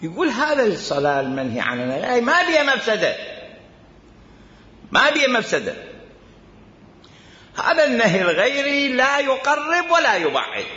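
This religious studies teacher, a man with an Iraqi Arabic accent, lectures on jurisprudence with emphasis, going over his points again and again. His very high-pitched voice is very animated, bright, and forceful, at a moderate pace with frequent pauses. The audio is dull lo-fi with roomy hall reverb.

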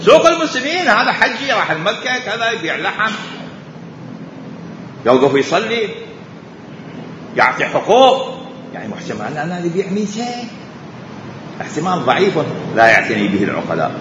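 A man giving an animated lecture on Islamic jurisprudence, asking rhetorical questions and repeating key points. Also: sits high, a little fast, long pauses, noisy background. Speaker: religious scholar teaching jurisprudence. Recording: echoey hall, dull lo-fi sound.

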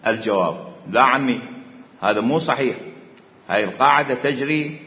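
A man's voice: medium pitch, normal speed, pushed and bright. A man with an Iraqi Arabic accent giving a religious law lecture, arguing a point by posing questions and then answering them himself. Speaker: jurisprudence teacher. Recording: echoey hall, dull muffled sound.

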